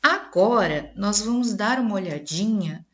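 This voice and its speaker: A woman's voice: mid-range voice, slow pace, a bit bright. A Brazilian woman teacher giving a spelling lesson, reading out word lists and checking in with the class as she goes. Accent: Brazilian Portuguese.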